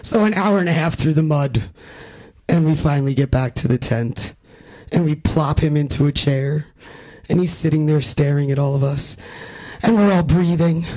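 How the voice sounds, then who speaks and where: A man with a noticeably high voice tells a rambling, profanity-laced story as a stand-up comic. His delivery is animated. It is performed live at a house comedy show. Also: moderate pace, poor audio.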